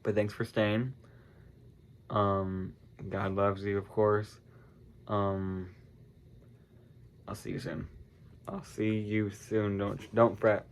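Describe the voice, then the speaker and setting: Over a little hiss or hum, a congested American teenage boy speaks slowly in a fairly low, level voice, leaving long pauses. Vlogging casually to camera, he rambles with heavy use of "like" and "um" and corrects himself often.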